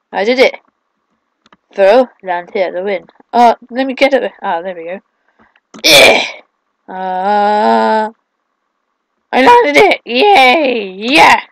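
A woman doing excitable, casual let's play commentary, mixing drawn-out exclamations with quieter asides. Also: medium pitch, no echo, low-quality recording. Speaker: gaming video host.

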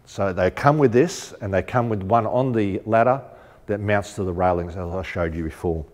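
This presenter has a lowish voice and talks at normal speed. He casually demonstrates rooftop tent fittings in a warehouse showroom, practical and chatty with frequent ums, against long reverb and faint music.

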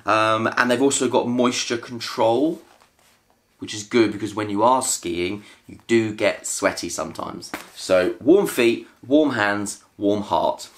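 Sitting on his living room sofa, a British family vlogger in his thirties talks casually through a product haul about gear. He has a fairly low, unhurried voice and a chatty, upbeat manner, laughing between items. He's recorded by a camera set on a tripod in front of him.

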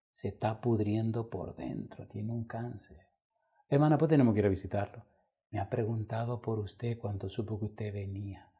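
A man's voice: lowish voice, husky. A male pastor preaching a sermon, telling a story and acting out the voices of the people in it. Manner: dramatic, shifts between loud and hushed quoted voices. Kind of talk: sermon with acted-out anecdotes.

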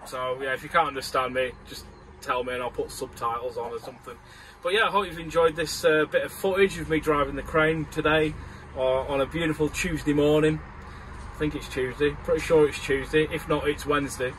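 A man's voice: fairly high pitch, steady tone, brisk, fairly bright tone, slight background noise, low-quality recording. A man from Morecambe with a northern English accent, rambling casually as he talks through his work as a crane operator from inside the cab. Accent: northern English, Lancashire. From Morecambe, northern England. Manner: chatty and rambling, with easy chuckles. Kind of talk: casual vlog commentary. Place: inside a tower crane cab high above a site.

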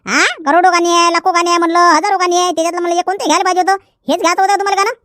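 A woman's voice: extremely high pitch, little pitch movement, rapid-fire, a bit bright, no echo, studio quality. A woman playing a nagging, teasing village wife in a comedy skit.

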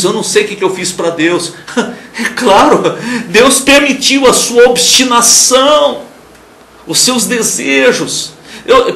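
A man preaching a televised sermon with a Brazilian accent, emphatic, swinging between loud declarations and soft murmurs and acting out the people he quotes. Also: high voice, creaky, a little hiss or hum. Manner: acts out quoted people in raised voices. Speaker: pastor. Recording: roomy with faint ambience.

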